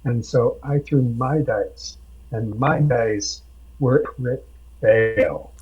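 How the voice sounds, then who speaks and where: A man on a podcast, telling a tabletop game story slowly with many pauses and fillers. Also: mid-range voice, a little mellow, breathy edge. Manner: slow, halting with many fillers. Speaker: podcast guest, game master. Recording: dull lo-fi sound.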